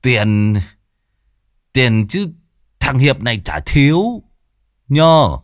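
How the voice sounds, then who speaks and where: A man's voice: mid-range voice, sing-song, very slow, no echo, studio quality. A man voicing a drunk, pushy young gambler who hollers with a slurred voice. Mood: drunken calling.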